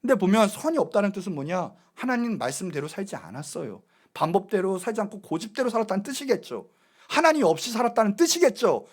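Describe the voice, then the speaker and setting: A man preaches from the pulpit of a church, his voice pitched high and swinging widely up and down. He presses his points with rhetorical questions aimed straight at the congregation. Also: big pitch swings, fast, breathy edge. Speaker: pastor. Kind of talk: sermon. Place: church sanctuary.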